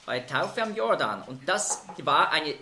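Animated man teaching Bible study. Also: on the high side, measured pace, reverberant, slight background noise. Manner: emphatic, explanatory, asks group questions.

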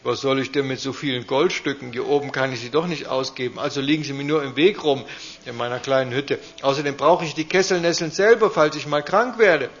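Storybook role: man playing a growling old mountain hermit, gravelly, stubborn, lo-fi. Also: medium pitch, a little fast, fairly bright tone, a little hiss or hum, lightly acted. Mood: gruff. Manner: gruff and growling. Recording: dull lo-fi recording.

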